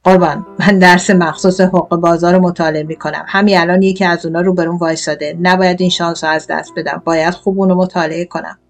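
A woman's voice: lowish voice, level tone, few pauses, lightly acted. A cheeky onion boy talks back with cool confidence, acted by a woman reader. He mocks and teases without fear. Piano music lingers faintly behind. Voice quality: cocky, mocking.

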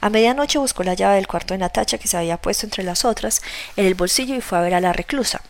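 A woman narrating a novel as an audiobook, reading in a measured, steady way. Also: medium pitch.

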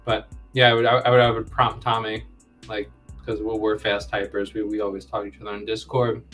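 A comic co-creator in his thirties, guesting on a casual interview, goes off on tangents and jokes about himself in a lowish, level, slightly bright voice that moves a little fast. Music is faintly audible behind.

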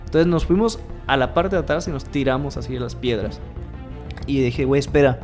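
A man's voice: medium pitch, moderate pace, music in the background. A man with a Mexican accent in casual chat, telling a story vividly and acting out voices and sound effects. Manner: vivid storyteller who acts out quotes and sounds. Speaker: co-host telling a party story.

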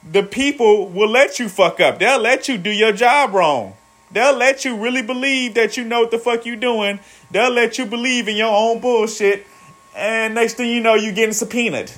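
Man, thirties, profane casual vlog talk, slightly high voice, rambling, calls viewers guys. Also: a bit bright. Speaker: vlogger. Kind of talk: casual motivational monologue.

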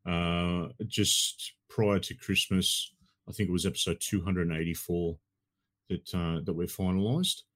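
A man's voice: low voice, fairly even intonation, a little slow, a bit bright. A middle-aged Australian man chatting casually as a podcast guest in a laid-back, blokey, matey way. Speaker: podcast guest and gaming podcast host. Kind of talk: casual chat.

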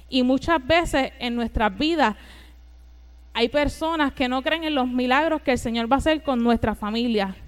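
A woman with a high, smooth, clear voice preaches a sermon with fervor. She builds to emphatic, repeated declarations and draws out important phrases slowly. Her high, ringing tone stays clean throughout.

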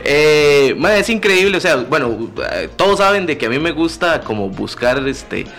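A man's voice: on the high side, sing-song, moderate pace, fairly bright tone. Man, costa rican accent, co-host, casual chat, chatty, filler-heavy. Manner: chatty, laughs often, piles up fillers. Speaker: podcast co-host.

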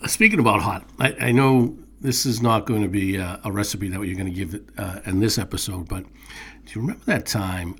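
A man's voice: on the low side, fairly quick, fairly bright tone, slightly rough. A man co-hosting a food show, chatting enthusiastically and rambling with many restarts. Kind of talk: casual chat.

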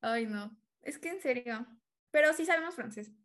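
Woman gabbing with friends, kinda high voice, laughs a lot, quick asides. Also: lively intonation. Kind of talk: casual chat.

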